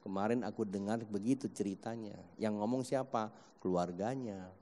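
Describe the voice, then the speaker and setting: A man's voice: on the low side, moderate pace, dark tone, slight background noise. A male preacher giving a sermon into a handheld mic, talking straight to his congregation and slipping into acted everyday quotes. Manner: addresses the congregation directly and acts out everyday quotes. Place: church. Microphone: handheld microphone. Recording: echoey church hall.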